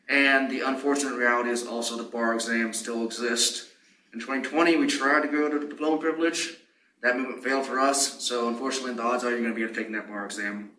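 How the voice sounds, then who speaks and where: A man's voice: medium pitch, pushed and bright. Muffled young man presenting, roomy and distant. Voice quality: muffled by a face mask. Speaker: law library fellow presenting a guide. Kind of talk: informal instructional presentation. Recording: roomy, distant mic, faint noise, mask-muffled.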